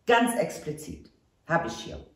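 A woman's voice: unhurried, a bit bright. A woman doing a casual tarot reading to camera, effusive and exclamatory, addressing viewers fondly. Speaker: tarot card reader. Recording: roomy echo.

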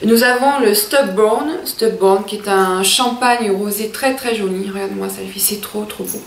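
A woman's voice: medium pitch, moderate pace, vocal fry, a little hiss or hum. A young woman reviewing makeup in a chatty, gushing way, talking straight to her viewers. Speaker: beauty vlogger. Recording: echoey room, mic at a distance.

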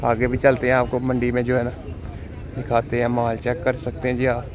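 A man's voice: medium pitch, a little fast, a crowd in the background. A man walks through an outdoor cattle market and narrates for his video, repeating his praise of the animals over and over. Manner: flat, repetitive, keeps praising the animals. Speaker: vlogger touring a cattle market. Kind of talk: walking tour commentary. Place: outdoor livestock market under tents. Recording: outdoor noise behind voice.

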